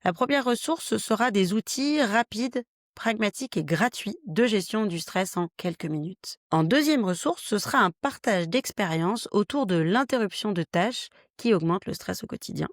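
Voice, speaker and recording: A woman's voice: mid-range voice, expressive, moderate pace, no room sound. Frank woman with a dry, close sound. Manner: explanatory, frank, lists practical tips. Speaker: podcast host, health worker. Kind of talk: solo podcast talk, lightly scripted.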